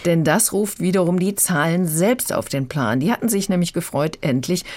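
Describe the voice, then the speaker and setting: A woman's voice: lowish voice, lively intonation, normal speed, darkish tone. A woman critic chattily summing up a children's book on the radio. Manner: chatty, summarizing.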